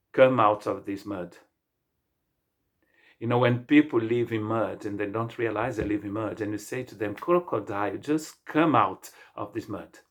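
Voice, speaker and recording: This native Portuguese speaker is a middle-aged man from Rio de Janeiro state in Brazil, preaching as a pastor with a Brazilian Portuguese accent. His mid-range voice carries an earnest sermon that halts and restarts often.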